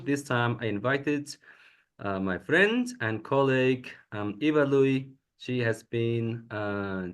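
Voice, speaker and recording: A man hosting a podcast interview, introducing his guest hesitantly with frequent fillers. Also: medium pitch. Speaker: podcast host. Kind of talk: casual interview.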